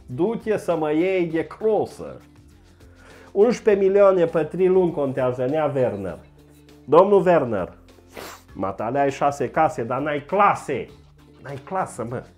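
A man doing a mocking satirical comedy monologue, jumping into high mock voices. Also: animated, a little mellow, faint music behind.

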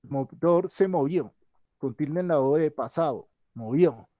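A man's voice: on the high side, measured pace, warm tone, dry recording, studio quality. A tired male teacher giving an online class, thinking aloud and correcting himself as he works through the board. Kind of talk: online class with a shared whiteboard.

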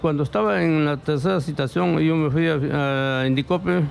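A middle-aged man tells his story in a radio studio, halting and repeating himself as he acts out what others said. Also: a little high, vocal fry, faint music behind. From Peru. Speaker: interviewee reporting bank fraud. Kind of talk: emotional testimony in a radio studio. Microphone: studio mic with headphones.

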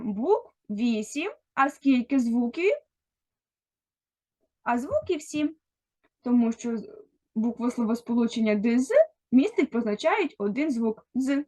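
A woman teaching a first-grade literacy lesson, speaking patiently and directly to a young child. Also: high-pitched. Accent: Ukrainian. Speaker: primary school teacher.

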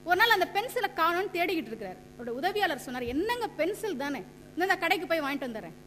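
A woman's voice: extremely high pitch, very animated, quick pace, fairly bright tone. A woman giving a stage debate speech, quoting scripture and poetry and acting out anecdotes. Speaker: debate speaker. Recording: echoey hall with faint hum.

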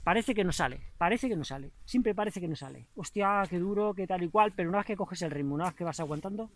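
A man's voice: high voice, quick pace. A married man, a trail runner and coach, talking casually to his viewers after a long run and cheering them on. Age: adult, married. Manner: chatty, motivational, addresses viewers as mates. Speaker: trail running vlogger and coach. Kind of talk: casual post-run vlog talk.

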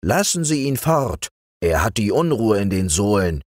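A man reading aloud voices a smooth-talking male sorcerer who flatters and tempts. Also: fairly low pitch, normal speed, dry recording, studio quality. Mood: coaxing. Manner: persuasive, bowing and flattering.

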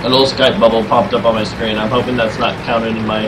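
A man's voice: fairly low pitch, flat delivery, fast talker, background noise. A man chatting casually while playing a tank game, joking, laughing and swearing often. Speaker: gamer. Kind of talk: casual gameplay chat. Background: game music and tank sounds.

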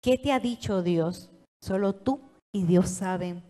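A woman with a Puerto Rican Spanish accent preaching a sermon in a church, animated and calling on the congregation to answer and repeat after her. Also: mid-range voice, a little slow. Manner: animated, call-and-response with the congregation. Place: church sanctuary. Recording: long hall reverb.

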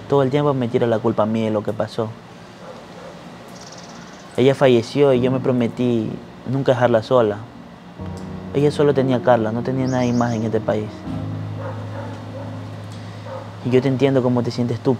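An actor playing a widower who pleads and protests in exasperation in a melodramatic web drama, with music behind him. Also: male voice, mid-range voice, noisy background, close to an everyday voice. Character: widowed man torn between his girlfriend and his mother-in-law.

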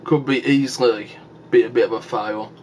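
This casual vlog features a man talking through a mouthful of sour candy to a handheld camera, chatty and rambling and frequently saying "guys" to viewers. His mid-range voice is steady and somewhat dark, at a normal pace, over a little hiss or hum.

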